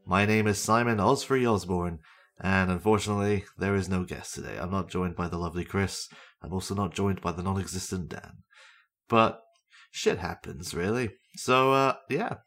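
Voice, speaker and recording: Low-voiced man hosting a solo podcast. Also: moderate pace, a bit bright. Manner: rambling, self-deprecating, frequent fillers. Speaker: podcast host. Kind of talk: casual solo podcast chat about games.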